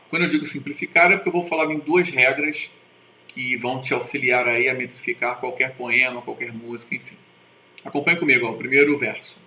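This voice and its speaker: A man's voice: mid-range voice, pushed and bright. A male teacher giving a recorded literature lesson, explaining step by step and often checking in with his viewers. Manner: didactic, keeps checking in with "tá?" and "né?"; spells out sounds and has viewers repeat them. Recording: echoey, dull lo-fi room recording with faint noise.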